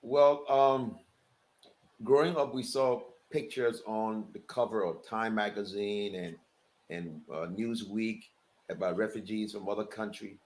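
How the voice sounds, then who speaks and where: A man's voice: on the low side, fairly even intonation, a little slow, darkish tone. A man, a guest answering interview questions earnestly with many fillers. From Liberia.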